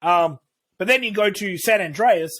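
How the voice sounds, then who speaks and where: A man's voice: sits high, normal speed, fairly bright tone. A man co-hosting a casual podcast, rambling through his views with frequent restarts and cheerful swearing. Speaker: podcast co-host. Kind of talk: casual chat.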